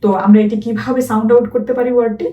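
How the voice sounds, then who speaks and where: A woman teaching children letter sounds, repeating each sound slowly and clearly, step by step. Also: a little high, little pitch movement, lo-fi sound. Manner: slow, drawn-out repetition of letter sounds. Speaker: phonics teacher. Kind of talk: children's phonics lesson. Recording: roomy echo, distant from the mic.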